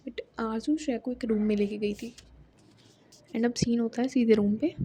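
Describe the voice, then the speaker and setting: A woman tells a long love story in a chatty, conversational way. Her voice sits a little high but sounds mellow and dark. She keeps pausing for asides and fillers. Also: husky. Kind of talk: casual story narration.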